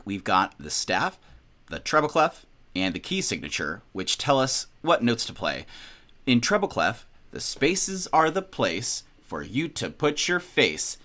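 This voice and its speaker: A young man gives a music tutorial in an upbeat, instructional manner, his pitch lively.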